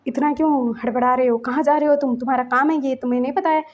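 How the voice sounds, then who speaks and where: Puzzled man read by a woman, questioning, high voice, lo-fi. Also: fairly even intonation, quick pace, close to an everyday voice.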